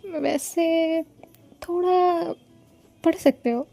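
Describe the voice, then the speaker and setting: A woman's voice: extremely high pitch, steady tone, extremely slow, creaky, mellow, faint music behind, pitched above the performer's own voice, heavily acted. Woman voicing a shy, earnest student girl. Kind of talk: storytelling dialogue.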